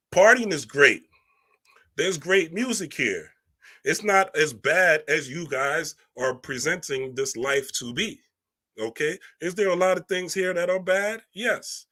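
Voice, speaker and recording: With a fairly high, expressive and sharp-toned voice at a measured pace, a spiritual reader and speaker gives a casual monologue. He's emphatic and preachy, uses streetwise slang, and keeps checking in with "right?"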